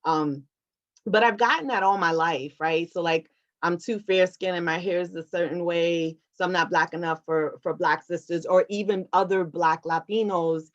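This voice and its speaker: A woman's voice: on the low side, fairly even intonation, normal speed, muffled recording. A woman from Puerto Rico, an activist answering a question in a talk, earnest and reflective, often checking in with "right?". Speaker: award recipient, activist. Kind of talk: conversational answer in an online talk.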